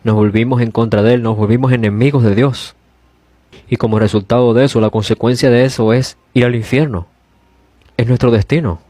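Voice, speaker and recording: A man's voice: medium pitch, fairly even intonation, a little fast, warm tone, no echo. A man preaching a sermon, retelling a parable in an earnest storytelling manner with much repetition.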